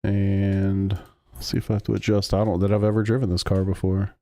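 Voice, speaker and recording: A man's voice: deep voice, flat delivery, a little fast, dark tone, dry recording. A man streaming a sim racing game, chatting casually with his chat while he drives. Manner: laid-back, rambling, answers chat.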